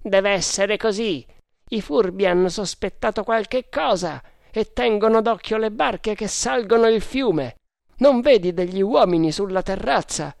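A man's voice: high voice, a little slow, creaky, no room sound, pitched above the performer's own voice. A wary oarsman calling out urgent warnings from the boat, as a storyteller puts him on. The voice jumps well above the reader's usual tone and sounds strained. The sound is dry and close. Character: wary male rower, urgent companion.

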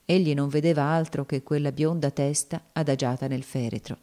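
Low-voiced woman narrating solemnly. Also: fairly even intonation, a little fast, dark tone. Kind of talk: scripted audiobook narration.

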